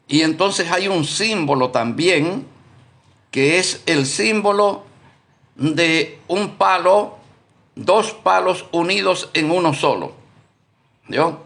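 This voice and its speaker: Slow, gravelly man teaching scripture. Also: on the high side, a bit bright. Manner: deliberate, repetitive, often asks "¿Vio?"; self-correcting, thinks aloud. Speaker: Bible study teacher. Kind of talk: live-streamed Bible study talk.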